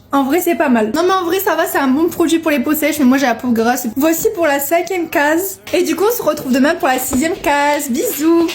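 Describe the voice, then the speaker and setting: High-voiced young woman gushing over beauty products. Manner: chatty and gushing, many fillers. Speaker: beauty vlogger. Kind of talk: casual unboxing chat.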